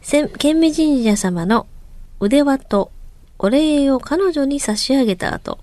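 A woman's voice: sits high, animated, measured pace, a little mellow, no echo. A woman co-hosting a radio show, presenting, reading out listener mail and chatting along with brief responses. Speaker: radio show co-host and singer.

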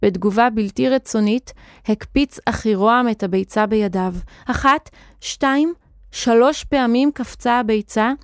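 A woman narrating a children's audio story in an expressive, vivid reading. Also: on the high side, no room sound, studio quality.

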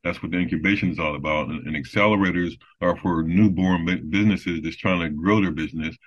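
A man with a very deep voice answers questions as a guest, stopping and restarting his sentences often. The recording sounds dull and lo-fi. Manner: halting, many restarts and fillers. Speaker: business development guest. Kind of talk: casual interview talk.

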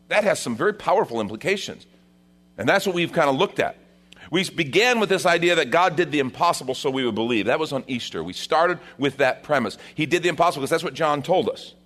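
A man, the senior pastor of a church, preaching a sermon at a pulpit microphone in a conversational way, rising for emphasis and dropping low for quieter points.

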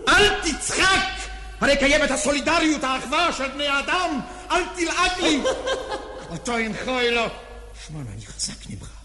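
In a stage drama, an actor plays an anxious, earnest man who pleads and rambles amid nervous laughs. He uses a full character voice that's very high-pitched and sharp, with lively intonation.

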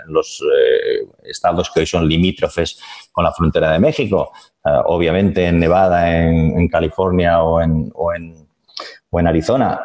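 Man, very deep voice, animated storytelling, slangy, restarts a lot. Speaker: journalist guest. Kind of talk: casual radio chat.

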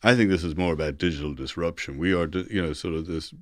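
Speaking fast in a low but fairly bright voice, an older or middle-aged Irish man from Dublin talks as an interview guest and tech executive. He spins stories casually, performs the lines of the people involved, and repeats phrases to stress them. The sound is studio quality, with no room sound.

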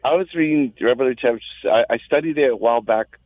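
A male caller from Texas on a phone line that keeps cutting out, halting and asking again and again whether he can be heard. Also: medium pitch. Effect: phone line breaking up, cutting out. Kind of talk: call-in radio chat. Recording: tinny dry phone line.

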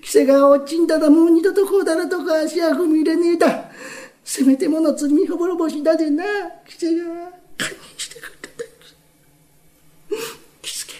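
A man in a rakugo telling voicing a naive, softhearted rich country man who speaks in a thick rural dialect. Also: very high voice, fast talker. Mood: grieving. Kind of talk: rakugo storytelling.

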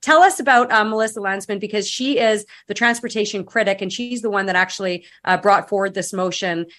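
A woman's voice: medium pitch, brisk, fairly bright tone. Chatty woman hosting radio. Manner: sarcastic, chatty, with restarts. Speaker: radio guest host. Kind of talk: radio talk show interview.

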